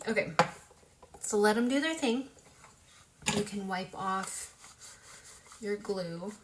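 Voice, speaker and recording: A young woman in a relaxed, chatty tutorial voice at a middling pitch, narrating her makeup steps at home as she works. She keeps it informal and pokes fun at her own slip-ups. A faint hiss sits under the recording. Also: takes it slowly. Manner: chatty, self-deprecating, talks while working. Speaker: makeup vlogger. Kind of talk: casual tutorial chat.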